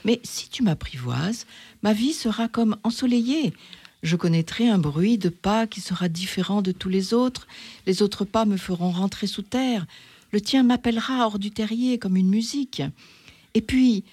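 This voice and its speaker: A reader voicing a wise, weary fox who longs for a friend, gravelly and musing, sometimes whispering, reading aloud in two voices. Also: mid-range voice, animated, darkish tone, dry recording, pitched above the performer's own voice. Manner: slow, musing, confiding, dropping to whispers.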